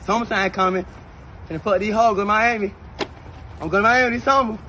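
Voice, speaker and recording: A young man with a very high voice rants boastfully through a comedy skit, swearing constantly. Loud street noise hums behind him on an outdoor recording. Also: fairly even intonation, a little fast. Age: 20s. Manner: loud boastful ranting, heavy profanity. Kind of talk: brash comedic skit ranting.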